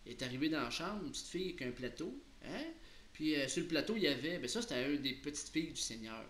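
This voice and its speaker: Man, Québécois accent, playful casual storytelling, very lively pitch, echoey room. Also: quick pace, a little hiss or hum. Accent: Québécois French. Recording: roomy echo.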